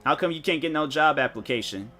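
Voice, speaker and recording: Slangy, animated male gaming streamer. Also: fairly high pitch, fast, a little hiss or hum. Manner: rambling storytelling, slangy, animated, mock-quotes people. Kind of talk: casual chat while streaming a game.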